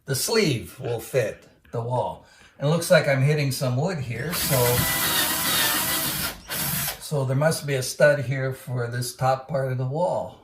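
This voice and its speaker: A man walks through a home repair in an easygoing, step-by-step way, now and then restarting a phrase. His voice sits at an ordinary middle pitch. It is picked up from some distance in an echoey living room. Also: slow, heavy background noise. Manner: plain, easygoing step-by-step explaining with small restarts. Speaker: DIY home video host. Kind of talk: casual how-to narration.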